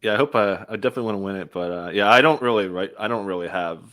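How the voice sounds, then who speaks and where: A man's voice: lowish voice, pushed and bright. A man analyzing fantasy basketball in loose, casual talk with lots of fillers. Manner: loose, filler-heavy, quick informal talk. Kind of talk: casual chat.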